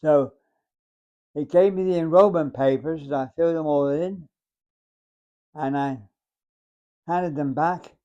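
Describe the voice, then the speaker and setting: A hundred-year-old man, a war veteran telling his memories in a halting, deliberate way. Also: fairly high pitch, mellow, highs cut off. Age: 100. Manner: halting, deliberate, acts out remembered dialogue. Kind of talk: unscripted reminiscence, storytelling.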